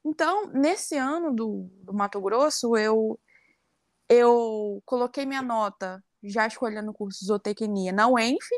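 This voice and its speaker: A woman's voice: a little high, unhurried, no echo, studio quality. A young woman from Rio de Janeiro with a Carioca accent, chatting reflectively as an interview guest. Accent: Carioca Brazilian Portuguese. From Rio de Janeiro, Brazil. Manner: chatty, reflective, frequent tag questions. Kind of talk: casual interview conversation.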